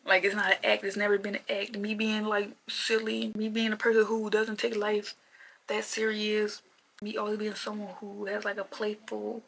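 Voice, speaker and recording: Chatty young woman with gravelly fry. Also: mid-range voice, completely flat delivery, normal speed, fairly bright tone, slight background noise, rough recording. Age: 20s. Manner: chatty, repetitive, lots of "like" fillers. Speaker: vlogger. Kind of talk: casual rambling rant to camera.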